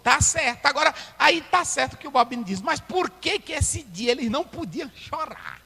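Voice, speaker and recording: A man preaching a sermon as a pastor, breaking into loud shouted climaxes. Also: very high-pitched, very animated, moderate pace, creaky. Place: church hall. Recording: echoey church hall, long reverb.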